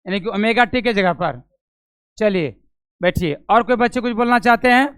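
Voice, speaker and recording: A man with a Bihari Hindi accent teaches a physics class, his voice high and smooth. He fires questions at the students, calls them by name and says each step twice. The sound is close and dry. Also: moderate pace, fairly bright tone, no room sound. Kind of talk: classroom lecture.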